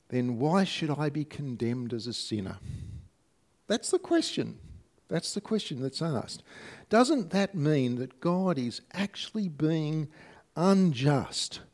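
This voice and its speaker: A man preaching a sermon in an unhurried, conversational way, asking his listeners rhetorical questions. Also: a little high, a little mellow.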